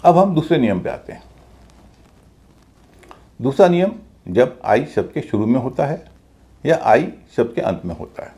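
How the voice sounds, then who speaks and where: A man's voice: mid-range voice, big pitch swings, measured pace, long pauses, mellow. A man teaching English pronunciation in a video class, explaining rules step by step and repeating them with examples.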